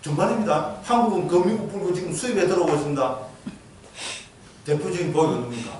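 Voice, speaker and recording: A monk lectures on the dharma in a temple hall, his high, slightly mellow voice moving at a quick pace with a Gyeongsang accent. He often asks the audience questions and checks they follow with "geujyo?" The recording is distant and echoey, with slight background noise.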